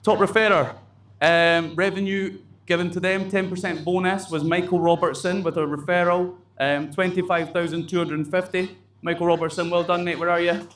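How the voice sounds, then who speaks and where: A man's voice: high voice, flat delivery, brisk, hardly any pauses. A man leading a company staff meeting, blunt and motivational, swearing casually as he talks. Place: office meeting room, indoors. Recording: roomy echo with faint background noise.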